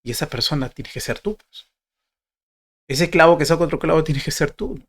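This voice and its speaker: A man's voice: on the high side, normal speed. A man giving a motivational talk to exam applicants, conversational, often tagging his points with questions. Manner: conversational, many tag questions and rhetorical questions. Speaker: motivational speaker for university applicants.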